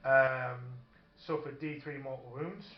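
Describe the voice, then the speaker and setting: This man's mid-range voice keeps fairly even intonation and a measured pace as he plays a tabletop wargame, musing hesitantly and reading rules out loud in casual chat. He is in an indoor room where the game is being filmed. A radio plays amid faint background noise, and the sound is roomy and dull.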